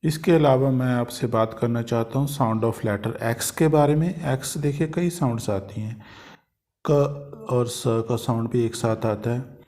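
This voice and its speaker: A male teacher from India giving a pronunciation lesson, slowly repeating each example word several times. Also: mid-range voice, darkish tone. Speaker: language teacher.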